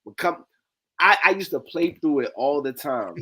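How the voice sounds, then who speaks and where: A man in his forties telling stories in a slangy, animated, conversational way on a video call. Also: a little high, normal speed, husky. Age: 40s. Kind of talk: casual chat.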